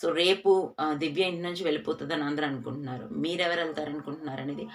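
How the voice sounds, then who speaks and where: A woman's voice: low voice, steady tone, fast. A woman presenter narrating an entertainment news recap of a reality show in an emphatic, heated way.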